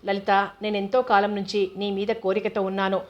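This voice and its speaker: A woman reading the part of a sleazy, predatory drunken man in a story, in a flat, dull recording. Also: medium pitch, moderate pace, lightly acted. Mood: leering. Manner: sleazy, insistent. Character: predatory drunken male party guest.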